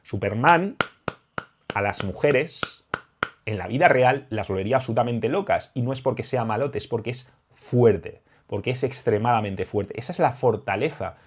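A man's voice: mid-range voice, moderate pace, husky. A young man with a Spain Spanish accent, a dating coach talking straight to camera in an emphatic, heated and repetitive vlog monologue.

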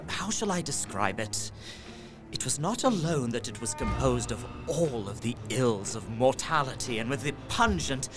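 A fairly high-pitched actor plays an earnest young gentleman who reads out his horror journal in an audio drama. The narration comes across as measured, literary and haunted.

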